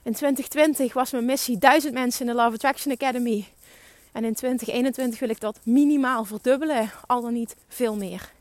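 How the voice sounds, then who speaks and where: A woman's voice: fairly high pitch, no room sound. A young woman giving an emphatic, urging motivational monologue as a podcast host, swearing for emphasis. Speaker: podcast host and business coach.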